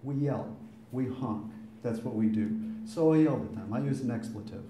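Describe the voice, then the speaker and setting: Dark-voiced man telling a story in an echoey room. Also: medium pitch, lively intonation, normal speed. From Boston area. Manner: conversational, voice rising when quoting heated exchanges. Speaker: eulogy speaker. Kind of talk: storytelling eulogy. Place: funeral gathering in a room. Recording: echoey room with faint ambient noise.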